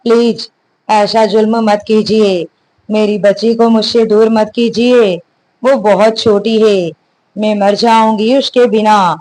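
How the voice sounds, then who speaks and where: A frantic young mother begs through tears for her missing baby, as the storyteller voices her. The pleading runs slowly in a plain audio storybook reading. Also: mid-range voice, steady tone, darkish tone, close to an everyday voice, rough recording. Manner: pleading, tearful. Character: distraught young mother begging for her child.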